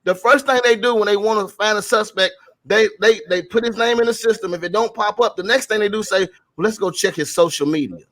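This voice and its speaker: A man with a high, fairly bright voice talks a little fast as he co-hosts a talk show. In colloquial street talk he delivers a casual, opinionated rant to his co-hosts and the audience, repeating himself, preaching, and swearing mildly and often.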